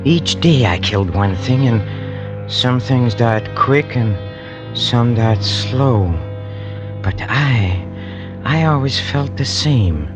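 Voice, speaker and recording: A male actor with an expressive mid-range voice plays a bitter, cold-blooded hired killer in 1940s-50s radio drama style. His confession is brooding and halting, full of cold pride, repeating himself with menace. It sounds like an old radio broadcast with music underneath.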